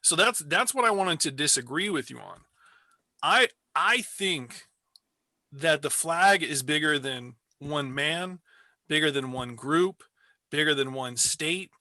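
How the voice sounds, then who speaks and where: Man, panel guest, deliberate and measured, bright tone, dry sound. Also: on the high side, lively intonation, no room sound. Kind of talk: casual panel chat.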